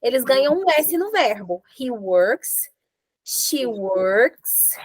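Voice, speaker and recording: A Brazilian Portuguese-accented woman teaching English grammar with playful, animated explanations. Her voice sits high, and the sound is dry and close with no room around it. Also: slow pace, dry recording. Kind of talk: classroom grammar lesson.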